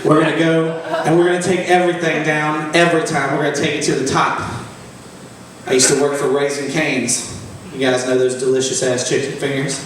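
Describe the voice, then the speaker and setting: A stand-up comedian in his 20s tells profane, boastful stories in a mock-epic style. His fairly high voice stays level in tone and moves fairly quickly. He is recorded from a distance in an echoey room with faint noise.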